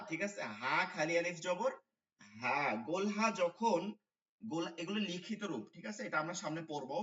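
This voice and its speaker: A man's voice: high-pitched, bright, forceful tone, echoey room, distant mic, highs cut off. A man teaching Quran letter pronunciation in an online class, patiently repeating the sounds and checking with his students. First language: Bengali.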